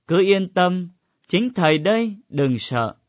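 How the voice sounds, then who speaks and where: A man voicing a calm, gentle male teacher figure in a scripted reading. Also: sits high, takes it slowly, no echo, heavily acted. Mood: reassuring. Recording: dull, dry lo-fi recording.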